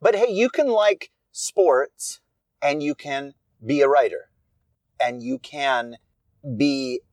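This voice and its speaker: A man's voice: mid-range voice, slow, darkish tone, no room sound. A man who writes, musing aloud in a casual solo podcast with wry, wandering asides.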